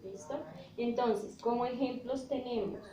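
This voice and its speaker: Female teacher; slow, high-ish delivery, keeps checking the class; recorded in a roomy space. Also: crowd noise. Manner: checks in with "¿listo?" often, spells out letters. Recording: echoey room with faint noise.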